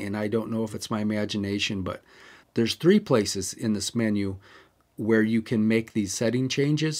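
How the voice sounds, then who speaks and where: Medium in pitch with a darkish tone, this man hosts a camera tutorial. He talks casually and chattily, explaining the settings step by step and wandering off on the occasional tangent in a relaxed how-to walkthrough.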